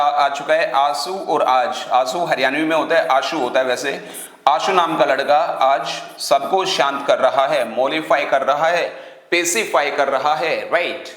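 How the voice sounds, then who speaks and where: Guy teaching english vocab in hindi, bit high voice, echoey room, keeps asking and answering himself. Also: fairly bright tone. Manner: explains with Hindi memory tricks, mixing in English phrases; asks students questions and answers himself. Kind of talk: online class teaching.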